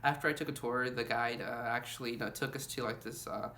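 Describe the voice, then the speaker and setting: A young man talks straight to camera with travel tips. His voice is bright and forward, and he chats loosely, filling his sentences with "you know" and "like" as he goes. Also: medium pitch, steady tone, fairly quick. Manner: chatty, lots of fillers like "you know" and "like". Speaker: travel vlogger.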